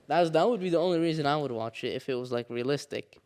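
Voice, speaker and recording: A man's voice: a little high, quick pace, darkish tone. A young man chatting on a podcast, asking curious questions and giving short replies. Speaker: podcast co-host. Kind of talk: casual chat.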